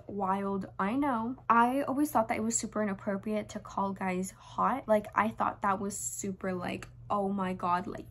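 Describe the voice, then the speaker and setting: A woman's voice: mid-range voice, a little hiss or hum. A young woman reading her childhood diary aloud in an embarrassed, amused, self-mocking manner, with casual asides. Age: young adult. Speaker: vlogger. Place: small bedroom, indoors.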